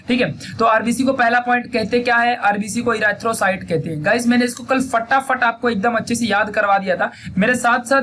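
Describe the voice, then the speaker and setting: Fast-talking male biology teacher, high voice. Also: fairly bright tone. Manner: quizzes students and answers himself, repeats key terms; keeps saying "theek hai" and "guys". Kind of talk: fast-paced classroom lecture. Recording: faint background noise.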